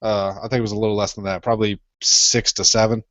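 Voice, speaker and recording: A man's voice: lowish voice, little pitch movement, quick pace, a bit bright, no room sound. A man co-hosting a casual podcast, rambling and swearing freely. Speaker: podcast co-host. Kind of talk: casual chat. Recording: dull dry lo-fi recording.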